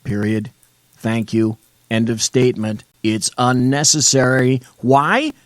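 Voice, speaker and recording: A man's voice: medium pitch, slow, dry recording. A man hosting political talk radio with a sarcastic, theatrical delivery. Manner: sarcastic, theatrical, mock-shocked. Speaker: radio show host.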